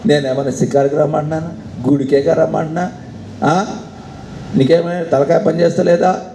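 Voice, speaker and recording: A man's voice: fairly high pitch, steady tone, moderate pace, mellow, reverberant, a little hiss or hum, close to an everyday voice, low-quality recording. A man voicing a grumbling husband who scolds his wife with rhetorical questions. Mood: scolding.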